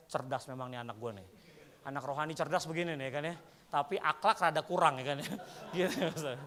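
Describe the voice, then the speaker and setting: A male pastor with a Kupang accent preaching a sermon full of storytelling, often addressing the congregation and acting out shouts in his stories. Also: fairly high pitch. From Indonesia. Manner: animated, acts out shouting in stories.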